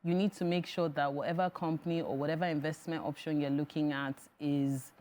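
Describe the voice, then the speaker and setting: Woman, Nigerian accent, deep register, interview guest, advisory, explanatory. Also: fairly even intonation, a little fast, darkish tone. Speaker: financial firm executive, interview guest.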